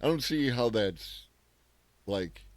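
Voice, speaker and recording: A man's voice: medium pitch, expressive, takes it slowly, dry recording. A man hosting a daily news commentary show, talking casually and sarcastically, thinking aloud and often tagging his points with a questioning "right?".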